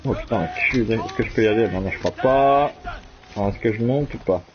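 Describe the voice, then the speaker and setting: A man's voice: lowish voice, fairly quick. A man giving live commentary on a horror shooter he plays alone, swearing constantly and repeating words in panicked bursts. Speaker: gamer playing solo. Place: at home at a game console. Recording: dull lo-fi sound with loud game noise.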